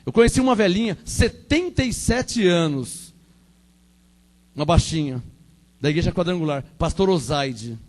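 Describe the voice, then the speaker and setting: A man in his forties with a Brazilian Portuguese accent, preaching a Pentecostal sermon fervently, repeating phrases and swinging between loud proclamation and quiet asides. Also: fairly high pitch, expressive, normal speed, pauses often. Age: 40s. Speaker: pastor.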